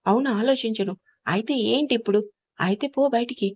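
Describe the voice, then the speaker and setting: A woman's voice: fairly high pitch, a little fast, a little mellow, breathy edge. A woman voicing a hot-tempered young husband in an audio story, speaking harshly and threateningly. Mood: angry.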